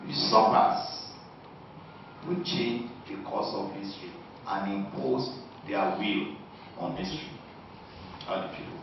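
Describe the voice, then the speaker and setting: A man giving a lecture, answering audience questions and stressing his points one after another. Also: fairly low pitch. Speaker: guest lecturer. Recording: echoey hall, distant lo-fi mic with noise.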